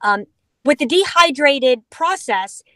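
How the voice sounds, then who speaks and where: A middle-aged woman with a high, expressive, slightly bright voice speaks slowly from inside a vehicle during a video call. Representing a dog food company, she enthusiastically explains the product with playful asides, and the sound is studio-clean with no room sound.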